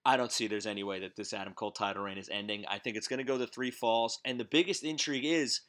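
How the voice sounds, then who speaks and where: A man's voice: lowish voice, steady tone, fast, a bit bright. A man chatting casually as a guest on a sports podcast, recorded in a home basement. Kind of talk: casual sports podcast chat about wrestling.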